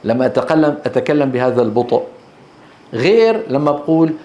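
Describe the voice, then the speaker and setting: A man teaching Quran recitation to a class. He keeps asking his listeners questions, answers them himself, and slowly draws out the verses he recites as examples. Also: mid-range voice, big pitch swings, dark tone. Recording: echoey room.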